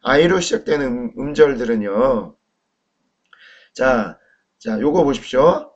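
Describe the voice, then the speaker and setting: A man teaching Chinese pronunciation in a lecture, slow and deliberate, often asking questions to the viewer. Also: medium pitch, expressive. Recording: dull lo-fi recording.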